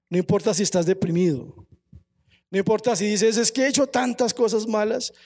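A man preaching a sermon to a congregation, emphatic, slowing down for scripture and asking the listeners questions. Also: sits high, darkish tone. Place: church service.

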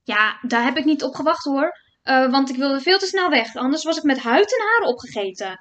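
A woman voicing a frightened young brother who talks loudly, shrilly and in a rush. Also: expressive. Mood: agitated. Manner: loud, shrill and rushed. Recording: dull lo-fi recording.

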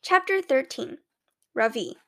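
A woman reading a children's novel aloud in the first person, with clear, expressive storytelling. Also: sits high, measured pace. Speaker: audiobook narrator. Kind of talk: scripted first-person audiobook narration.

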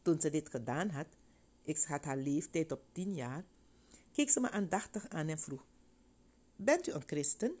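A woman's voice: low voice, lively intonation, normal speed, darkish tone. A woman reading a first-person testimony story aloud, expressively voicing the characters.

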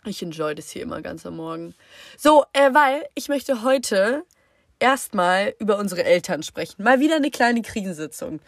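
A woman's voice: medium pitch, big pitch swings, normal speed, no echo, clean studio sound. Chatty teenage girl hosting a podcast. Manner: chatty, rambling, filler-heavy. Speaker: podcast host. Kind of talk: casual sibling chat.

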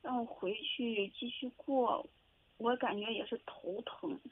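A woman calling an advice show, halting and hesitant, repeating herself and close to tears. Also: a little high, fairly even intonation. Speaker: caller. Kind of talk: call-in radio advice. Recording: tinny phone line.

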